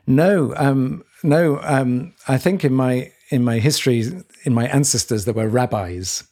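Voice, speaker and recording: A man co-hosting a podcast, talking reflectively in a halting, searching way with many restarts. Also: medium pitch, a little mellow. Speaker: podcast co-host. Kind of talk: reflective conversation.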